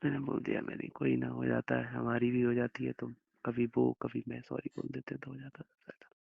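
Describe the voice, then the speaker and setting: Gravelly-voiced young man on a phone call. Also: mid-range voice, completely flat delivery, brisk, no room sound. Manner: affectionate, reassuring, rambling explanations. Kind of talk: intimate phone conversation. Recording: muffled phone call recording.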